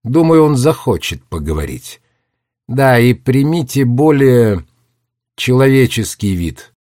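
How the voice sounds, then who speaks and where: A man's voice: medium pitch, very animated, unhurried, warm tone, no echo, pitched above the performer's own voice. A man reading a story aloud and voicing a cold, calculating warlock who gives orders with dry irony. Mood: commanding. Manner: commanding, dryly ironic.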